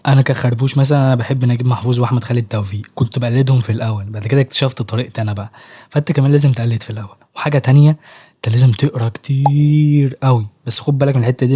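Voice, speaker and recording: Fast-talking Egyptian young man joking. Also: mid-range voice, darkish tone, husky. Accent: Egyptian Arabic. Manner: rapid, joking street slang, laughs often. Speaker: YouTuber giving writing advice. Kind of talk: casual chat to camera.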